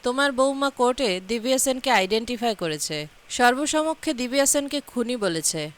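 A woman reading the lines of a gentle, caring young woman in a serial recap, in a slightly high voice. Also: expressive, normal speed, natural voice.

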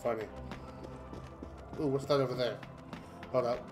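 A man's voice: mid-range voice, steady tone, normal speed, loud music behind the voice. A man giving casual, reactive let's-play commentary with muttered asides and exclamations.

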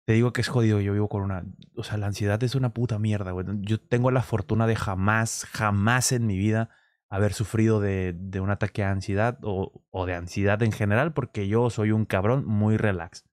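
A man's voice: on the low side, a little fast, dry recording, studio quality. A man with a Mexican accent, reacting to a clip on stream in casual, slangy talk full of swearing. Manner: crude slang, swearing, animated demonstrations.

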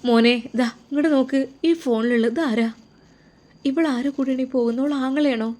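A woman's voice: high-pitched, fairly even intonation, normal speed, a little mellow, close to an everyday voice. A woman voicing a firm, persuasive middle-aged aunt with a Malabar Malayalam accent. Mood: probing. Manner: coaxing, persuasive, scolding. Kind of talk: storytelling role voice.

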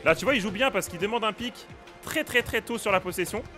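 A young man playing a basketball video game, giving excitable, casual commentary, often shouting at the action and laughing. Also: high voice, a little fast, soft background music. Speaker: gaming streamer.

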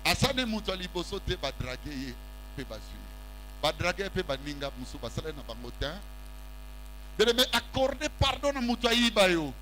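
Very animated and speaking at normal speed, a middle-aged preacher moves about the stage of a crowded church hall, his high, bright voice swooping as he calls out in French and Lingala and the congregation answers. He uses a handheld mic. The audio is poor and carries a low, faint hum.

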